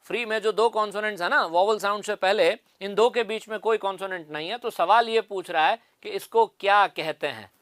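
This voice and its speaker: A man with a fairly high voice teaches an exam-prep lesson. He works through each point step by step and asks the class questions he then answers himself. The recording is dry, with no room sound. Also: brisk, hardly any pauses, fairly bright tone, dry recording. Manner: explains step by step, repeats key answers.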